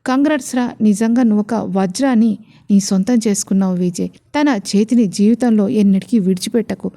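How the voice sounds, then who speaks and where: A kindly older father-in-law from a storybook romance, heartfelt and approving, as a woman narrator voices him. He speaks warmly and sincerely, full of praise for the family. His tone is soft and mellow. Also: mid-range voice, fairly quick, lightly acted.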